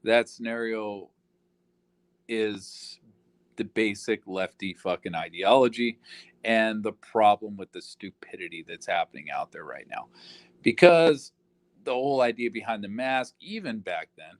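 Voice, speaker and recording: A man's voice: on the low side, unhurried, no room sound. A man ranting in casual talk, profane and rambling, full of fillers like "you know".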